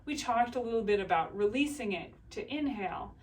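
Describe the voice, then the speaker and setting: A woman voice teacher calmly guiding a breathing exercise and body scan, in slow, soothing instructions. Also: a little high, recorded from a distance.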